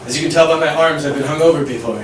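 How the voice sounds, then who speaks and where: Rapid-fire and animated, a high-voiced American stand-up pokes fun at himself during a set on a comedy club stage. The recording picks him up from far away, with room echo and crowd noise throughout.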